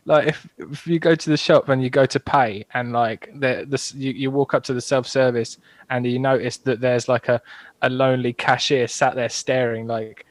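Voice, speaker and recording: A man's voice: medium pitch, fairly even intonation, moderate pace, dry recording. A man co-hosting a podcast in casual comic chat, with matey, sweary banter. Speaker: podcast co-host.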